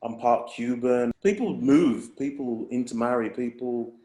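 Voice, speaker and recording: A man from England, a hip hop artist appearing as a guest, talks reflectively in a casual conversation, rambling and restarting his thoughts. His voice is mid-range and mellow, at a measured pace, and the room is echoey.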